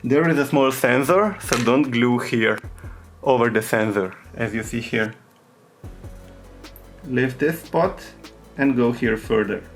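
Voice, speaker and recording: A man with a thick foreign accent, a non-native English speaker, narrating a hands-on tutorial in simple, halting phrases as he searches for words. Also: medium pitch, soft background music. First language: not English. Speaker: repair tutorial host.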